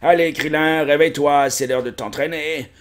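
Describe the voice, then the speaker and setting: A man's voice: on the high side, steady tone, normal speed, natural voice. Man playing an old bossy kung-fu master. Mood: commanding. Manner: lecturing, barking orders. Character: old lecherous martial arts master, bossy.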